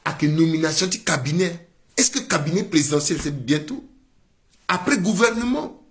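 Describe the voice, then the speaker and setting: High-voiced man commenting. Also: moderate pace. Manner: exclamatory, mixes French and Sango, swings between loud outbursts and low muttering. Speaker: political commentator. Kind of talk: political commentary monologue.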